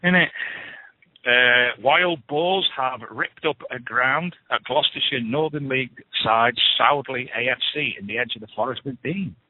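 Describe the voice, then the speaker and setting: Husky radio host, phone-like line. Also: male voice, medium pitch, moderate pace, dry recording. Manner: chatty, scoffing asides between news items. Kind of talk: reading paranormal news with asides.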